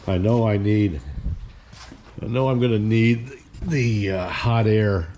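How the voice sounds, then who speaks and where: A deep-voiced man talks his way through a repair job in his garage, plain-spoken and rambling, stopping and restarting as he works. A faint hiss of noise sits under his voice. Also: slow pace, mellow. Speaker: hobby mechanic and channel host. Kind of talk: casual narration while working on a car. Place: home garage.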